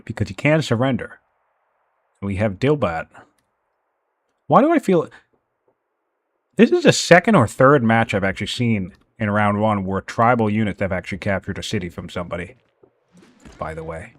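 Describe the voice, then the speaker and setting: A man casting a strategy game tournament in a relaxed, joking way, chuckling and teasing with light sarcasm. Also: fairly low pitch, a little fast, no echo. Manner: jokey, laughs often, playfully sarcastic. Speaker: tournament caster. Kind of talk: casual game commentary.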